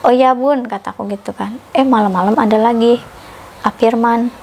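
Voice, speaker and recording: Young woman, animated storyteller. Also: normal speed, a little hiss or hum. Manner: animated, acts out quoted dialogue with sudden pitch jumps. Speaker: podcast guest telling her story. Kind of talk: casual storytelling.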